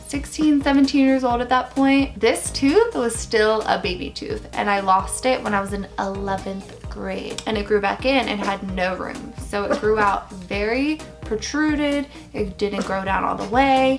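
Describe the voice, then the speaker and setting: A young woman talks to her viewers in a casual, chatty vlog style. Her voice has a marked creak and sits at an average pitch. She is expressive and gushing, leaning on key words, over faint music. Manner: casual swearing and slang. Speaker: YouTuber answering viewer questions.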